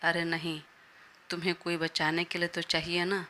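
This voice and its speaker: A woman's voice: on the low side, completely flat delivery, normal speed, pushed and bright, a little hiss or hum. Woman playing a teasing, stubborn young wife.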